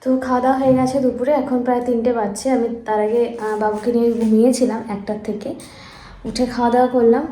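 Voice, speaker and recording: A woman's voice: on the high side, flat delivery, quick pace, warm tone, reverberant, poor audio. A woman vlogging in a home kitchen, chatting casually as she walks through her cooking step by step. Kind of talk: casual vlog narration.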